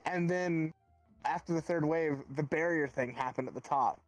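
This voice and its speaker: Relaxed Southern man, Alabama accent, mid pitch, dry close sound, faint music. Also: normal speed, no room sound. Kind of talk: casual out-of-character chat.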